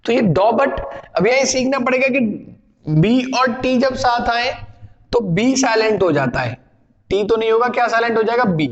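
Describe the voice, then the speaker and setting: High-voiced man teaching in a reverberant room. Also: expressive, normal speed, highs cut off. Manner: explains patiently, asks and answers his own questions. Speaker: spoken English teacher. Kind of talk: classroom lesson.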